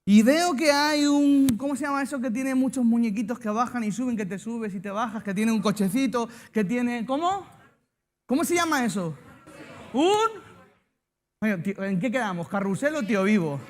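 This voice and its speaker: Man, Spanish accent, pastor, sermon, very high-pitched, humorous anecdotes, chats with congregation. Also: lively intonation, moderate pace. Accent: Spanish from Spain. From Spain. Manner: jokey storytelling, banter with the congregation.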